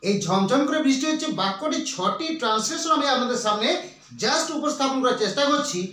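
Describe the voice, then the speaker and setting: A man with a Bengali accent teaching English at a board, dictating sentences slowly. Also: extremely high pitch, animated, bright, forceful tone. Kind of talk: slow board lesson. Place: classroom with a board. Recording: echoey room, distant mic.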